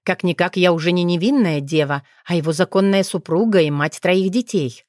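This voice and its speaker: A woman narrating a first-person fantasy audiobook, expressive and lifting her voice for the heroine's lines. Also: lowish voice, normal speed, dry recording, clean studio sound.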